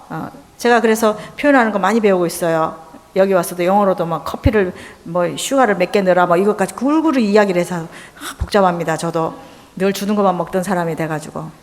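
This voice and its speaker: A woman from Korea preaching a lively sermon in a church, acting out little dialogues and bantering with the congregation. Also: medium pitch. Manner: animated, acts out dialogue, chats with audience. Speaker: missionary seminar speaker. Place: church sanctuary. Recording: church hall with long reverb.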